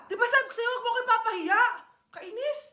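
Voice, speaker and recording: A woman's voice: extremely high pitch, quick pace, pushed and bright. A young woman acting out sassy, theatrical parts in short comedic skits. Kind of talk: comedic skit role-play, playing several parts.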